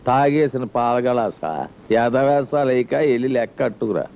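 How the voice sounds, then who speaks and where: An older actor playing a stubborn, money-grabbing father-in-law, talking in a gruff, demanding way. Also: mid-range voice, fairly even intonation, normal speed, darkish tone, dull audio, lightly acted. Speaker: bride's father. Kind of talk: film comedy acting.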